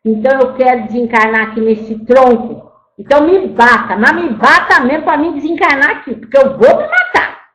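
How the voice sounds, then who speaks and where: In a channeled spiritual talk, a woman voices the spirit of an old grandmother who was once enslaved. Her high, slightly bright voice swings widely in pitch at normal speed as she tells a mournful story, scolding her listeners and then grieving while repeatedly calling them "my child." The room echoes noticeably.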